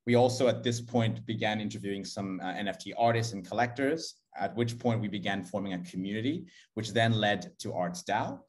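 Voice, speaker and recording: A man's voice: fairly low pitch, fairly quick, few pauses. A man from Mauritius answering interview questions in a businesslike way, with frequent "uh" fillers. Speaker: guest, co-founder.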